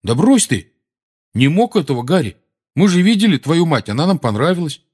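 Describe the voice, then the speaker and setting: A man voicing an indignant teenage boy, a school prefect, who exclaims loudly. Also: a little high, big pitch swings, a little fast, husky, voice pushed up. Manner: loud, exclaiming.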